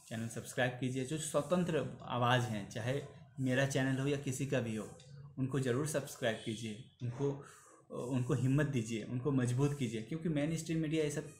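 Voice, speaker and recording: A man's voice: medium pitch, roomy sound, a little hiss or hum. A man in his thirties giving an earnest opinion commentary to camera in a small room, pleading and slipping into English phrases. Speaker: vlogger.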